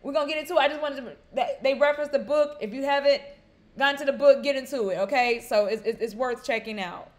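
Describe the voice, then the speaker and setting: A middle-aged woman hosting a casual news livestream, chatty and laughing, rising into loud excited rants. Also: high voice, fast talker. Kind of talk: casual live-stream commentary.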